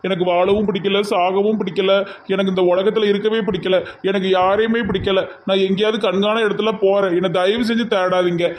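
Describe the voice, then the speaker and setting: A lovesick young village man, played by a man with a Tirunelveli Tamil accent pours out quick, high, flat-toned complaints. He pleads and wails through it like a comic skit character. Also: slight background noise, close to an everyday voice. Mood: heartbroken.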